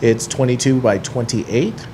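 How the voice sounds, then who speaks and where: A man's voice: mid-range voice, unhurried, darkish tone, slight background noise. A man who runs a sports collectibles store, talking on a radio show in a studio, chatty and rambling with lots of fillers. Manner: chatty, rambling, heavy on fillers like "you know" and "uh". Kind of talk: casual radio chat.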